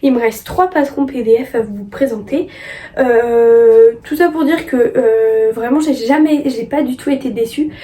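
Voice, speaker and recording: A young woman chatting casually about her sewing haul, halting often with fillers and restarts. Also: on the high side, mellow. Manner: hesitant, many fillers and restarts. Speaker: sewing vlogger.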